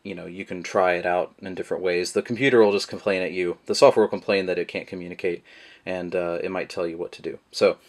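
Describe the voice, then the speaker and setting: Sitting at a table indoors, a product reviewer with a low voice talks fast through a casual how-to demonstration. He rambles in a relaxed way, using lots of fillers, and his voice is picked up by the camera mic.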